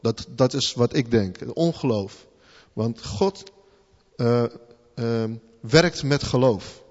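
A man's voice: mid-range voice, lively intonation, slow, a little mellow. A man giving a sermon in a loose, conversational way, asking rhetorical questions and often repeating words as he thinks aloud. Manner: informal, conversational preaching with rhetorical questions and "hè" tags. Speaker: preacher. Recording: long hall reverb, slightly dull sound.

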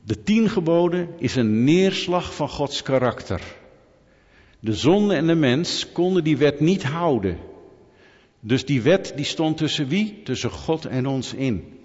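A man's voice: on the high side, expressive, measured pace, a little mellow. Man preaching in a reverberant hall. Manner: emphatic, asks the audience rhetorical questions. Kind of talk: sermon. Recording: long reverb, dull lo-fi sound.

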